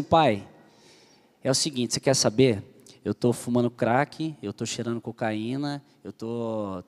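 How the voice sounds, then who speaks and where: A young man from Brazil tells his personal testimony to a church group, earnest and animated. His voice sits a little high, and the room rings with a long reverb. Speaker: church leader giving testimony.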